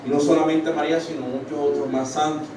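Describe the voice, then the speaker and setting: A man's voice: a little high, little pitch movement, fast. A man preaching a sermon to his congregation, often asking them "right?" and breaking off to restart his sentences. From Colombia. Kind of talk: church sermon. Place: church hall. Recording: very echoey church hall, distant mic, room noise.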